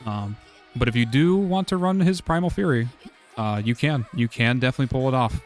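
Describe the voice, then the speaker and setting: A man streaming casual game strategy talk, hoarse from losing his voice, rambling with many "uh"s and "like"s. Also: medium pitch, animated, fairly quick, faint music behind. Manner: rambling, full of "uh" and "like".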